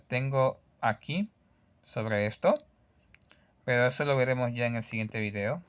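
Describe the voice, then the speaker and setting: A man teaching a language lesson, patiently repeating words and sounds slowly for learners. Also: medium pitch, a bit bright, clear, resonant tone.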